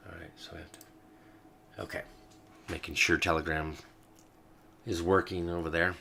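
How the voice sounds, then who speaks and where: Low-voiced man reading legal texts aloud. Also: little pitch movement, moderate pace, vocal fry, bright, forceful tone, slight background noise. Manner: talks as he reads, with fillers and asides. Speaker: host.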